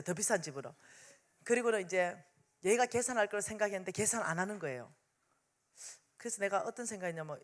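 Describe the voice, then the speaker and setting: A woman with a Gyeongsang Korean accent, telling a story in a revival sermon and acting out the dialogue. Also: mid-range voice. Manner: animated, acts out dialogue in story. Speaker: revival meeting speaker.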